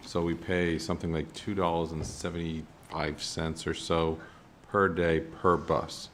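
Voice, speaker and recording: Deep-voiced man explaining costs. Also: flat delivery, a bit bright, slight background noise. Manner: halting, self-correcting. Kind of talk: meeting explanation.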